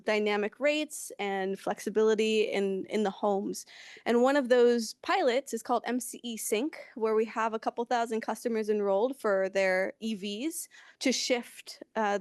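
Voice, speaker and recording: A woman's voice: fairly high pitch, smooth, dry recording, studio quality. A woman giving an informal conference presentation as a presenter among colleagues.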